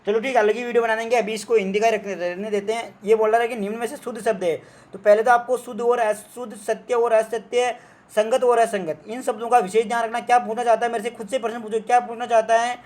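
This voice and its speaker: Young male teacher with a high voice, walks through test questions, asks and answers his own questions, repetitive and chatty. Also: little pitch movement, fast, a little mellow. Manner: acts out students' doubts in a mock voice. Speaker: exam prep teacher. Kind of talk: online test walkthrough lesson.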